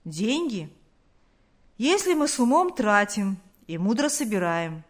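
Hoarse old neighbor guy musing slowly about life, a lady reader doing him, lively up and down voice. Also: mid-range voice. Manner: unhurried, musing, calls her "kiddo". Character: hoarse older male neighbor, folksy and philosophical.

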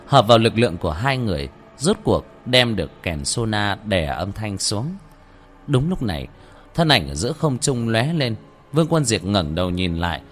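Lively, low-voiced male storyteller. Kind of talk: dramatic audiobook narration. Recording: faint background music.

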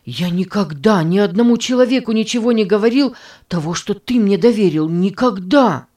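Woman doing a gentle, pleading boy. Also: mid-range voice, expressive, moderate pace, recorded from a distance, pitched above the performer's own voice, lightly acted. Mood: earnest. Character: gentle, earnest, loyal boy.

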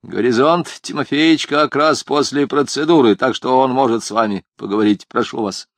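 A man's voice: mid-range voice, dry recording, clean studio sound, lightly acted. A man voicing a fussy, nervous elderly male general. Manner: fussy, hurried.

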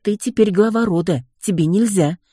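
A reader voicing a sharp-tongued young witch heroine in an audiobook, with indignant quick retorts. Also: lowish voice, slightly rough, no echo, clean studio sound, voice pushed up. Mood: teasing.

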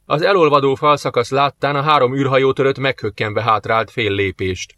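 A man reading an audiobook in an even, measured voice, at a middle pitch. The recording is dry and close on a studio mic, with no room sound. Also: no echo. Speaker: audiobook narrator. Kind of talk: scripted narration.

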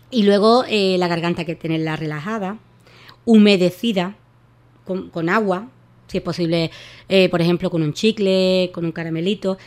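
A woman's voice: mid-range voice, a little mellow. Woman on radio explaining voice care, lots of eh and restarts. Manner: explanatory, many fillers and restarts. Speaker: voice therapist guest. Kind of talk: radio interview advice.

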